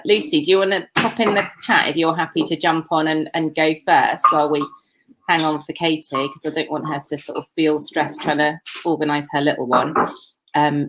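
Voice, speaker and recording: A woman's voice: deep voice, background noise. A woman, hosting an online festival from her home kitchen over a webcam, chatting casually with lots of fillers and jokes. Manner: chatty, jokey, frequent fillers and laughs. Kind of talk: casual live-stream chat. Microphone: laptop webcam video call.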